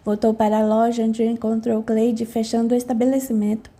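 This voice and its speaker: A woman's voice: on the high side, little pitch movement, brisk, dark tone. A woman narrating an audiobook novel and reading every character in her own voice.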